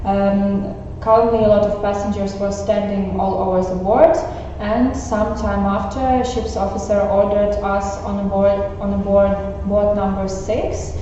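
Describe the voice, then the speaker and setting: A woman plays a stewardess who survived a shipwreck, recounting it calmly in a school role-play interview, with some hesitant fillers. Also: medium pitch, unhurried, slight background noise, close to an everyday voice. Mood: earnest. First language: Ukrainian. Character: grown woman, ship stewardess recalling a shipwreck. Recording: echoey classroom, far mic, dull.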